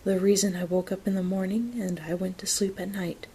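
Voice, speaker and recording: A woman whispering a story in a soft, gentle ASMR reading, taking her time. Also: medium pitch, flat delivery, a little fast, slight background noise, poor audio. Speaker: reader of an audiobook-style story.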